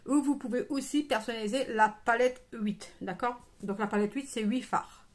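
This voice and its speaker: A woman with a fairly high voice, speaking at a moderate pace, runs a casual live make-up tutorial as a streamer who also sells beauty products. She chats familiarly with her viewers and tosses in playful asides.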